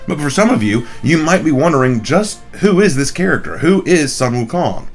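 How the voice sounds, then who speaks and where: A man's voice: on the high side, big pitch swings, normal speed, soft background music. A man hosting a scripted explainer video, his voice slightly off from a cold. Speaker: video host.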